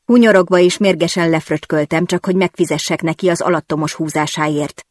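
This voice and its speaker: A woman's voice: on the low side, steady tone, no echo, clean studio sound. Woman narrating an intimate audiobook romance. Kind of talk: scripted first-person audiobook narration.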